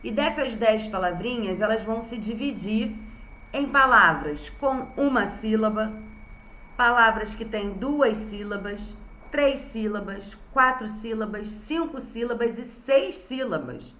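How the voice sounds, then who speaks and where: Patient Brazilian teacher in an echoey room. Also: female voice, on the high side, a little slow, bright, forceful tone. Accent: Brazilian Portuguese. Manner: patient, sounds out words syllable by syllable. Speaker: primary school teacher. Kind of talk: recorded online class for young children. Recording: roomy echo.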